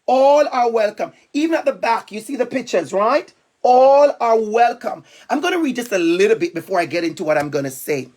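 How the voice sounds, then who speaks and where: Here a Jamaican man's very high voice sounds expressive, fairly quick and darkish in tone. As a school guest speaker from Jamaica, he gives young students a playful, emphatic talk and calls out to the kids.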